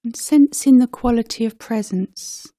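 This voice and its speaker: Gentle and mellow, a slightly high-pitched woman's voice guides a very slow meditation. She leaves room between short phrases, teacher-style, and the dry recording has no room sound around her words.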